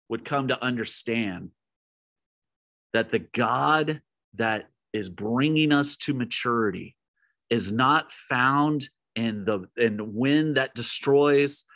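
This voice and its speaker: A man preaching a midweek sermon as pastor, retelling a story and speaking straight to his listeners, who sometimes drops to a soft low voice for emphasis. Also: no room sound.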